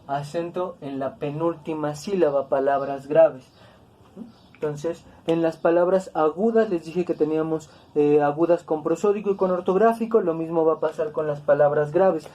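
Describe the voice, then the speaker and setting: A woman teaching a grammar lesson, speaking slowly and deliberately, repeating words to stress each syllable. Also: sits low, warm tone. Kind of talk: classroom-style grammar lesson.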